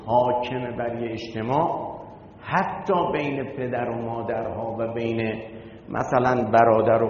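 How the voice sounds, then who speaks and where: A man delivers a sermon in an emphatic, argumentative way, pressing his points with rhetorical questions. His voice sits in a mid range and rings through a big hall with a long tail. The recording is dull and lo-fi, with a faint rumble underneath. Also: darkish tone. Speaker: religious lecturer.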